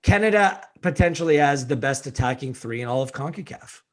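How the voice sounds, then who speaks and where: A man's voice: mid-range voice, brisk. A man hosting a casual sports podcast, talking with enthusiasm. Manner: enthusiastic, excitable. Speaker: podcast host.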